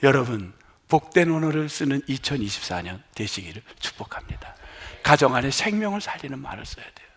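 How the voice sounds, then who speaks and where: A middle-aged male pastor preaching a sermon, asking his congregation questions and swinging from loud emphatic lines to hushed near-whispers. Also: medium pitch, sing-song, fairly quick, husky. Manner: asks the congregation questions and has them try words aloud.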